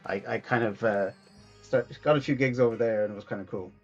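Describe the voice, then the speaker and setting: Faint music plays behind a muffled recording of a lowish-voiced man talking a little fast. He's an Irish comedian in his thirties guesting on a podcast, rambling, restarting frequently and imitating the voices of people he quotes.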